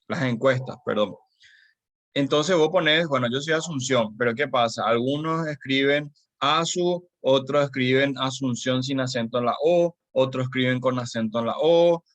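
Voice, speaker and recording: This is a man, teaching a live class over a video call. He talks in a mid-pitched voice with a loose, chatty flow full of fillers and tag questions. The sound is dry and close, with no room around it. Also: measured pace, a bit bright, no echo. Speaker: Excel course instructor.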